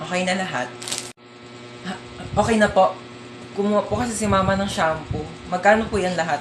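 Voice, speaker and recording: A woman performing comedy sketches, switching quickly between everyday characters and often breaking into loud exclamations. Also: medium pitch, heavy background noise. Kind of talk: comedic skits playing several everyday characters. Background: music.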